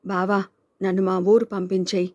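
A woman's voice: medium pitch, level tone, normal speed, a little mellow, no room sound, studio quality, natural voice. A woman reading a reproachful young woman. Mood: firm. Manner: pleading, reproachful. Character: caring, outspoken young woman of the household.

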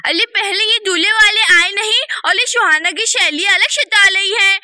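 A woman's voice: very high voice, normal speed, sharp tone, no room sound, clean studio sound, exaggerated voice. A woman voicing a scolding, complaining grown woman doll in a doll play-acted story.

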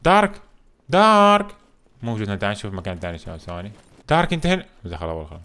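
A man hosting a gameplay video, commenting in an animated, jokey way and exclaiming often. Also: deep voice, very fast. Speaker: gaming video host.

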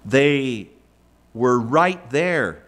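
A middle-aged man preaching a sermon from a church lectern, swinging between hushed low phrases and raised emphatic ones. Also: expressive, drawn-out words. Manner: emphatic preaching with wide swings in pitch and loudness, gesturing. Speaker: pastor. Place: church sanctuary, indoors.

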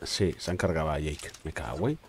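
Talking fast in a very deep voice, a Spanish streamer from Spain banters with his teammates. His gaming commentary is playful, slangy, and full of teasing, with some background noise audible.

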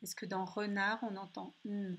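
A woman slowly giving a phonics lesson to children, saying words clearly and repeating them. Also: mid-range voice, flat delivery, fairly bright tone, muffled recording. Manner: slow, carefully articulated words with pauses. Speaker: teacher.

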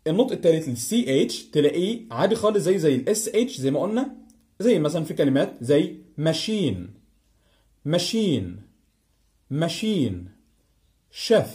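A man's voice: on the high side, dark tone. A man speaking Egyptian Arabic, teaching English pronunciation and repeating each example word several times. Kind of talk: online pronunciation lesson.

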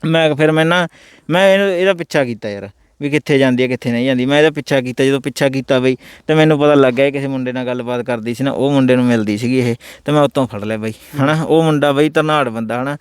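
A man's voice: medium pitch, quick pace, clean tone, dry recording. A man with a Malwa Punjabi accent telling his own story in an interview, aggrieved and repetitive, often checking agreement. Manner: aggrieved, repetitive, tag questions.

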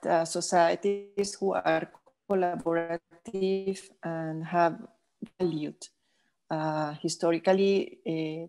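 An older woman from Venezuela, a guest geophysicist speaking in a measured, thoughtful way with many pauses over a video call headset. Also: fairly low pitch, a little mellow. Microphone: earphone headset on video call.

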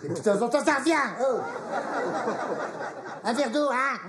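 A man putting on his own strong, broad accent in an animated, exaggerated way, laughing as he goes. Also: very high voice, rapid-fire, echoey room, a crowd in the background, background noise, voice pushed up. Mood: playful.

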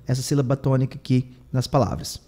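A man's voice: medium pitch, fairly quick, warm tone. A man with a Brazilian Portuguese accent teaching English, translating phrases line by line and repeating words for emphasis. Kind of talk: bilingual lesson explaining English.

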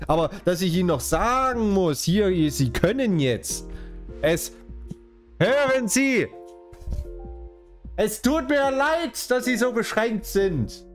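Gaming YouTuber, man from Saxony, lively pitch, light music behind. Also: takes it slowly, pauses often. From Saxony, Germany. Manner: chatty, jokey, talks straight to viewers. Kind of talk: casual let's-play commentary.

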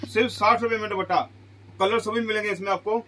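A middle-aged man pitching goods in a small clothing shop, asking each price aloud and answering it with exclamations. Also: steady tone, brisk, sharp tone, low-quality recording. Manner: repeats prices as questions, exclaims "wah ji wah". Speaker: shop seller. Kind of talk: sales pitch.

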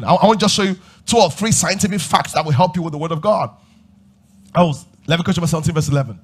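A man preaches on a large church stage with a bright, husky voice that rides high. He quizzes the congregation and builds to shouted call-and-response. Soft music sits faintly under his voice. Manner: moves about the stage while preaching. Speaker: pastor. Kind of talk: sermon.

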